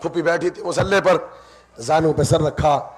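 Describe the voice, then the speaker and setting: A man reciting a mourning narrative at a religious gathering, dramatic and swelling into loud emotional pleas. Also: fairly high pitch.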